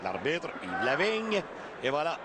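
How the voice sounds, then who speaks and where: A man with a Quebec French accent doing excitable play-by-play commentary on a live fight. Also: a little high, a little slow. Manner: excitable, exclamatory. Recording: loud roaring crowd noise. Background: loud arena crowd.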